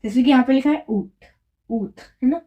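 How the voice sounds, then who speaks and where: A woman with a high, dark-toned voice teaches French at a normal speed, explaining a lesson at a whiteboard. She is patient, repeating herself and often checking in with the listener by asking "right?".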